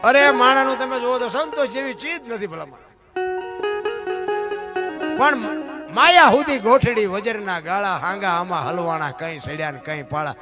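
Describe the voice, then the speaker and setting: A man's voice: high voice, moderate pace, long pauses, over music. A man, a folk storyteller giving a sermon-like talk to a live audience, often asking his listeners rhetorical questions and quoting folk verse. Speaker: folk storyteller speaking at a dayro.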